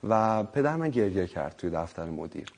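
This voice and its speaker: A man's voice: deep voice, sing-song, creaky, darkish tone. Brief: thirties man, self-mocking storyteller, laughs easily. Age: 30s. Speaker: guest. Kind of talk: casual storytelling.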